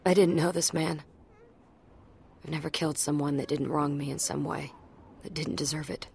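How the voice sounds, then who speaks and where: A woman's voice: low-pitched, fairly even intonation, normal speed, gravelly, darkish tone, a little hiss or hum. An actress playing a hardened but troubled young woman survivor in a video game, subdued and reflective. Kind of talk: dramatic video game acting.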